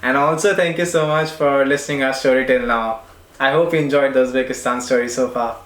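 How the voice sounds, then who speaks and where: A man's voice: mid-range voice, steady tone, a little fast, a bit bright. Friendly Indian-accented male interviewer. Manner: friendly, repeats his thanks. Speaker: podcast host. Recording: echoey room.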